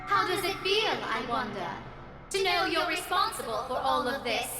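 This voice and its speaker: Sneering monster, lively and echoing. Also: female voice, high voice, moderate pace, heavily acted. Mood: taunting. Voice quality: cold, sneering and cruel. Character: mocking monster taunting a detective, cruel and gloating. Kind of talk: voiced game dialogue. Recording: echoey with a long hall reverb over music.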